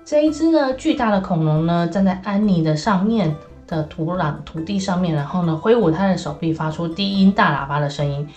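A woman reading a children's story aloud, lively and animated, with many little fillers. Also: fairly low pitch, brisk, few pauses, muffled recording. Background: soft background music.

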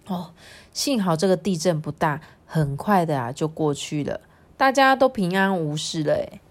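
A woman reading a children's picture book aloud, stretching out little sentence particles and sighing between lines. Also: lowish voice. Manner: expressive, drawn-out particles like 啊 and 哦, sighing fillers. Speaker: storybook reader.

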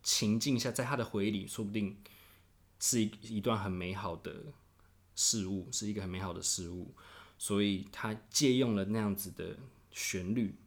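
A man who plays cello talks through a piece of music, thoughtful and unhurried, with small restarts. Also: on the low side. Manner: thoughtful, explains slowly with restarts. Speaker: cellist guest. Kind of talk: casual music discussion.

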